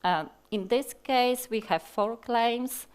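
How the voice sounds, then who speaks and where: A fairly high-pitched, clean-toned voice comes from a woman in her forties with a Polish accent, giving a technical talk on the stage of a large conference hall. She speaks slowly and deliberately, using many fillers and restarts.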